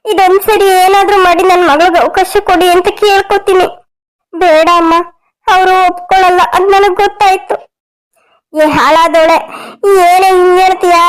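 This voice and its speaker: A woman's voice: very high voice, steady tone, moderate pace, poor audio. A woman voicing the women of a cartoon family drama, emotional and scolding. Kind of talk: cartoon story voice acting.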